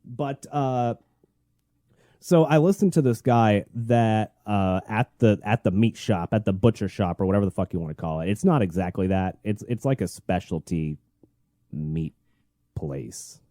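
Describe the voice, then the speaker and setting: A man's voice: on the low side, a little slow, dark tone, dry recording, clean studio sound. A man hosting a podcast like a shock jock, ranting bluntly and crudely with heavy swearing. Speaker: podcast host. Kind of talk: shock jock radio host monologue, profane ranting.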